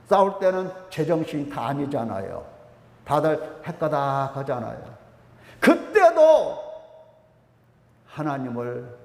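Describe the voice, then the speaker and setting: A man's voice: sits high, vocal fry. A male pastor preaching a sermon in a church, emphatic, repeating phrases and prompting the congregation. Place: church sanctuary. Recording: echoey church hall.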